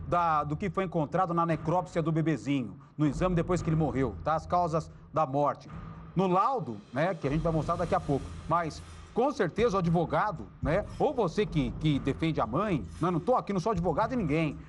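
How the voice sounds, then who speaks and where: A Brazilian man hosts a crime news show in a fairly high voice. He talks emphatically, turning to viewers and calling out cues to his production team. A faint ambient hum runs underneath. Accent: Brazilian Portuguese. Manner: emphatic, addresses viewers and directs crew. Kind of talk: live crime news commentary.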